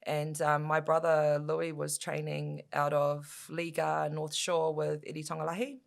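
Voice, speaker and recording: Woman, New Zealand accent, 30s, gravelly, casual interview guest, talkative. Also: low voice, level tone, unhurried. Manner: chatty, laughs easily, lots of fillers. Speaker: guest, MMA fighter. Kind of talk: casual chat.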